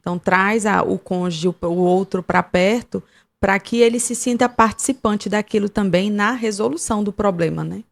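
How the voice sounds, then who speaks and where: A woman's voice: medium pitch, normal speed, creaky. A woman co-hosting a podcast, explaining marriage advice in a reflective way with examples. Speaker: podcast co-host. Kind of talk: casual advice chat.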